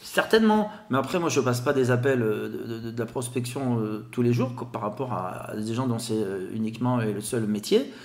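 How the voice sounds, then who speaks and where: This podcast guest, a man known for telemarketing expertise, has a light Grenoble French accent and an animated, sing-song delivery at a normal pitch. He moves along fairly fast with hardly any pauses, and the room lends his voice a noticeable echo.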